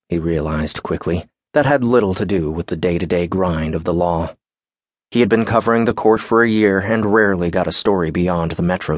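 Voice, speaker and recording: Man reading an audiobook, measured even delivery, lowish voice, dry booth sound. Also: dry recording. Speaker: audiobook narrator. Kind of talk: scripted narration.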